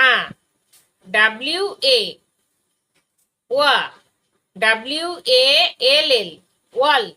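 A woman teaching a phonics lesson for young children, spelling out letters and sounds one by one with patient, deliberate delivery. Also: high voice, sharp tone, poor audio.

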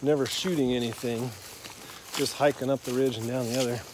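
A man in his thirties, a vlogger and dad, walks through summer woods filming himself on a phone held at arm's length. His mid-range voice is brisk, relaxed and chatty as he jokes with his son. Crickets and insects buzz in the background.

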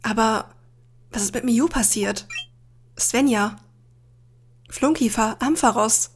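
A woman playing a video game and reading all of its dialogue aloud in her own voice, with dramatic, expressive delivery. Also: fairly high pitch, slow, a little hiss or hum. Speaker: Let's Play gamer.

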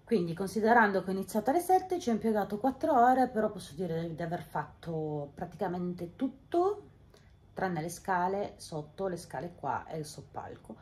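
Casually talking to a camera set on a stand across her bedroom, an Italian-accented middle-aged woman walks through her bargain buys and their prices. Her medium-pitched, slightly mellow voice swings widely in pitch at a moderate pace, and the room echoes.

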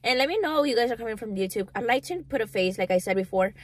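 A young adult woman talking informally to viewers during a mukbang in a parked car, unhurried and casual between bites of food. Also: on the high side, animated. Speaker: mukbang vlogger. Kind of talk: casual chat to viewers while eating, mukbang.

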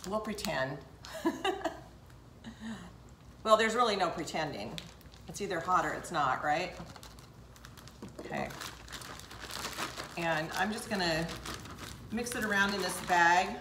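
A woman's voice: fairly low pitch, expressive, slow, pauses often, echoey room, background noise. An older woman hosting a home cooking demonstration, chatting straight to her viewers as she works in her kitchen. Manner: chatty, talks straight to viewers while working. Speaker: cooking show host.

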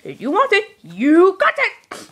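A woman's voice: measured pace, noisy background, full character voice. A woman voicing a small, cheeky leprechaun-like creature who grants wishes, with an Irish accent. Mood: eager. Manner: leprechaun-like, high, excitable sing-song delivery.

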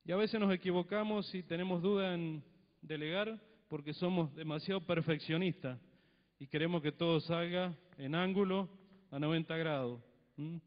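Speaking a little high, this middle-aged Mendoza native delivers a sermon in Cuyo Argentine Spanish, holding a mic in a church hall. He preaches conversationally, leaning on frequent tag questions and acting out small exchanges. Long reverb fills the hall, and the recording is dull and lo-fi.

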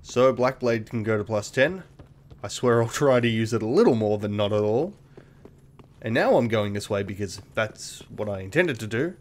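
A man with a lowish voice talks through his game run in a loose, offhand way. His humor is dry and self-mocking, and he drops the odd swear word without fuss. A faint hiss sits under his voice. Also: lively intonation, moderate pace. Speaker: let's play host. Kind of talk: casual gameplay commentary.

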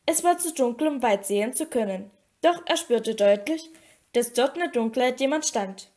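A woman narrating an audiobook in a high, clear voice. She tells the story in a steady, expressive way, keeping an even flow through the scenes. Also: moderate pace. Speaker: audiobook reader.

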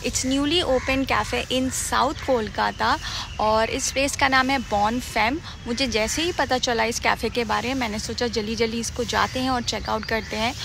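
Gravelly-voiced young woman food vlogger. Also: fairly high pitch, steady tone, noisy background. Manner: chatty, mixes Hindi and English, slows right down on English phrases. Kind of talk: casual vlog narration. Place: outdoors on a tree-lined road, then inside a cafe. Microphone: phone at arm's length.

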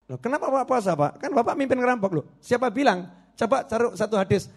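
A man's voice: very high-pitched, expressive, fast talker, breathy edge, voice pushed up, full character voice. A man voicing a puzzled, probing man who keeps questioning a former robber in disbelief. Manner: questioning, incredulous.

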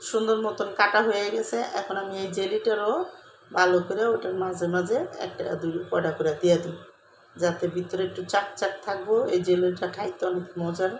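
A woman with a hoarse voice from a cold, casually talking viewers through a cooking demonstration step by step and often telling them to look. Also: mid-range voice, little pitch movement, fairly quick, echoey room, a little hiss or hum, low-quality recording. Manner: chatty, repeatedly tells viewers to look. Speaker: cooking vlogger.

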